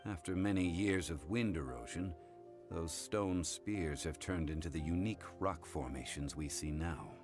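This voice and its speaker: An actor playing a composed, scholarly gentleman consultant in an anime game, speaking formally and with measured gravity. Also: sits low, over music. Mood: calm, explanatory.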